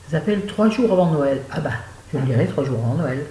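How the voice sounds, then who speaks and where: A woman's voice: low voice, expressive, quick pace, mellow. Chatty older Frenchwoman in an echoey room. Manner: rambling, self-mocking, exclamatory. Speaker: book vlogger. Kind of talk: chatty home video. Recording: echoey room with faint hum.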